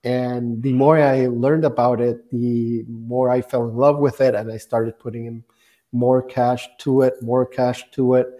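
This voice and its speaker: A man in his forties from Guatemala, a company founder speaking as a guest on a video call with an earphone mic, telling his story in a relaxed way with plenty of fillers. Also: medium pitch, unhurried. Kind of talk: conversational interview answers. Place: bright office room, indoors.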